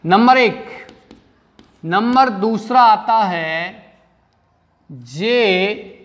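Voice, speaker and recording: High-voiced male teacher, slow and echoey. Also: a bit bright. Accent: Indian English. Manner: asks pupils questions and answers them himself; spells words out letter by letter. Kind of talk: classroom grammar lesson.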